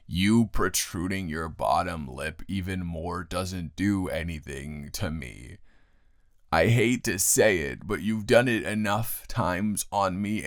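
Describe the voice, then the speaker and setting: This low-voiced man is cast as a weary, cranky roommate with a hidden soft side, improvising an intimate audio roleplay aimed straight at the listener. He speaks in a halting, teasing drawl, and the studio-quality recording has no echo.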